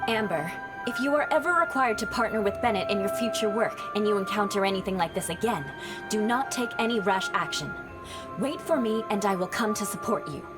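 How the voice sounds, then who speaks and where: A woman's voice: mid-range voice, animated, fairly quick, loud music behind the voice, close to an everyday voice. A woman playing a composed, dutiful young noblewoman knight with a formal, commanding manner in a video game. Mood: serious. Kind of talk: animated video game voice acting.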